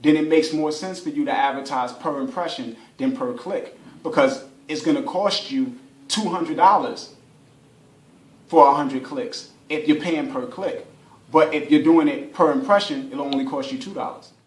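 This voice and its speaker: At normal speed and with a rather high voice, an advertising specialist instructs a casual workshop in an indoor room at a radio station. He repeats phrases for emphasis and acts out hypothetical scenarios, and the recording sounds roomy and echoey.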